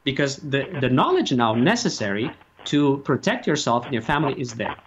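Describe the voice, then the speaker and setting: A man giving opinions as a radio interview guest, speaking haltingly and emphatically and repeating his phrases. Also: medium pitch, big pitch swings. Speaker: talk show guest and activist. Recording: muffled lo-fi audio, faint noise.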